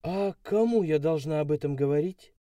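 A man voicing a young blonde city girl who takes everything literally, in a high girlish voice for an audiobook. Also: moderate pace, mellow, no echo, lightly acted. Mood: pouty. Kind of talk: audiobook reading.

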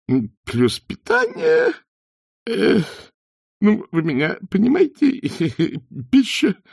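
A man acting out a gruff storybook tavern keeper, loud and blustering, who turns squeaky when he gets nervous. He is pitched well above a plain speaking voice and sounds husky, with his range swinging widely. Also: huge pitch swings, slow pace, no room sound, studio quality, heavily acted. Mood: flustered.

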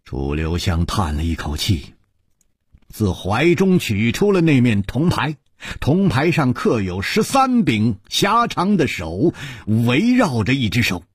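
A man reading a serialized novel aloud for radio, dramatic and expressive. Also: mid-range voice, takes it slowly, husky, dry recording, clean studio sound. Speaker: storyteller.

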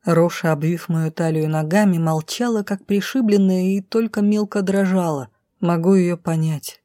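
A woman reads a fantasy audiobook with tense, urgent drama. Her voice sits low and sounds mellow and dark. The sound is dry and close, with no room around it. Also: normal speed, no echo. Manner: voices the characters' lines herself, tense and urgent. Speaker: audiobook narrator.

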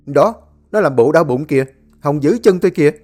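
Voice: medium pitch, expressive, brisk, dark tone, faint music behind, voice pushed up, natural voice. A storyteller voicing an impatient young husband brushing off his wife. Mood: dismissive.

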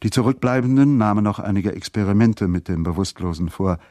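A man reading a literary story aloud in a steady, measured narrating voice. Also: fairly low pitch, no echo. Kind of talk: scripted narration.

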